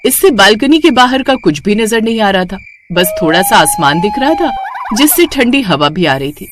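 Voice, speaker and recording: A woman's voice: mid-range voice, big pitch swings, normal speed, noisy background. Woman narrating a cartoon story.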